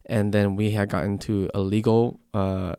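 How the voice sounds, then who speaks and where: A man in casual chat, explaining his reasoning in a measured way. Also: fairly low pitch, little pitch movement, dark tone, smooth, no room sound, studio quality.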